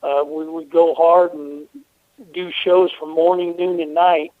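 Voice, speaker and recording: A man's voice: on the high side, flat delivery, a little slow, no room sound. A man, a race team owner, talking through a radio interview by phone, explaining steadily with lots of "uh" fillers. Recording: tinny phone line.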